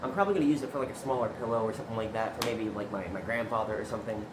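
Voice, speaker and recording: Low-pitched man, casual craft vlogger, noisy recording. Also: very fast. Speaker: video host. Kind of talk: casual craft tutorial vlog. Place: basement room indoors.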